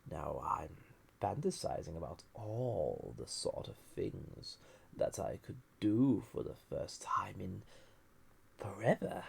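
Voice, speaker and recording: Low-pitched and a little dark in tone, a man performs an ancient, lonely banished villain with a flirtatious, dangerous edge in an intimate roleplay audio drama. His sing-song, exaggerated delivery is breathy, often half-whispered, and full of languid, teasing pauses.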